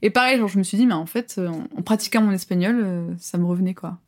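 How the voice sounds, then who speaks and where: A woman's voice: medium pitch, quick pace. A woman in her twenties, a podcast guest, talking casually with many fillers and frequent laughs. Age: 20s. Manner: chatty, lots of fillers, laughs often. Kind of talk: casual chat.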